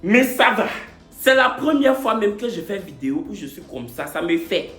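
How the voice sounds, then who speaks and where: A man's voice: sits high, sing-song, normal speed, reverberant, music in the background. A man telling his own love story to camera, a little tipsy late at night, theatrical and repetitive, playing with words. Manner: theatrical, repetitive, playful wordplay. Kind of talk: comic confessional vlog.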